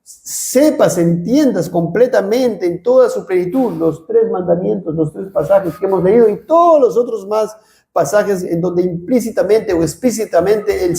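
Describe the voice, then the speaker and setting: A man with a Peruvian Spanish accent preaches earnestly in an echoey church hall, pleading and repeating phrases for emphasis. His voice is high and creaky with a dark tone.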